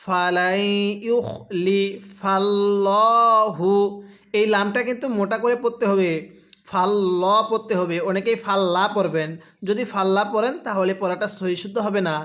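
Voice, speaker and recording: A man teaching Quran reading step by step, patiently asking and answering his own questions between slow, drawn-out chanted recitations. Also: sits high, fairly even intonation. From Bangladesh.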